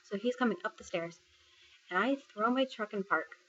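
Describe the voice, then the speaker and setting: A woman from Texas serving in the military tells a personal story in a casual vlog, chatting loosely with many fillers and quoting others' words. Her medium-pitched voice keeps a moderate pace. The recording sounds muffled and has slight background noise.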